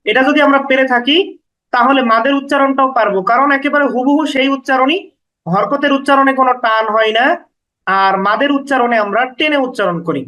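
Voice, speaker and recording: A man with a very high, bright and forceful voice teaches recitation rules. He goes through them patiently, one after another, repeating each point and stretching out the example sounds. His stays even throughout the lesson. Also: fairly quick, rough recording. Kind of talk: step-by-step lesson explanation.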